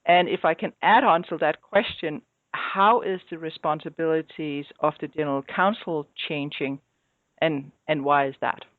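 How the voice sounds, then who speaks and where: A woman's voice: low-pitched, moderate pace, no room sound. A woman hosting a podcast who asks formal, prepared interview questions. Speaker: podcast host. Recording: dry, tinny phone-like sound.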